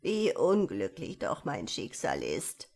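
A woman's voice: rumbling low, wildly swooping pitch, slow pace, creaky, darkish tone, pitched below the performer's own voice, heavily acted. A woman voicing a lovesick little hunchbacked old man who pleads in sorrow, in a storybook reading. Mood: sorrowful.

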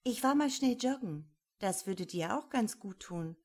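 A woman voicing a bubbly, chirpy young woman who talks brightly. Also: mid-range voice, expressive, measured pace.

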